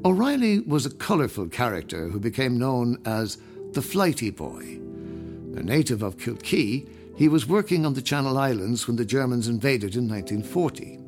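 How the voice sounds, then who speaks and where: A man with a mid-pitched voice narrates an audio guide in a scripted documentary style. Music plays clearly behind his voice. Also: big pitch swings, moderate pace, darkish tone.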